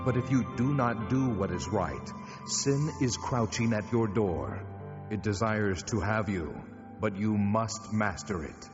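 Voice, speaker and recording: A male actor plays a commanding God of dramatized scripture, solemn and measured in judgment. The deep male voice rings in a long reverb, over loud music. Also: natural voice. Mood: stern warning. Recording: long cavernous reverb, dull band-limited sound.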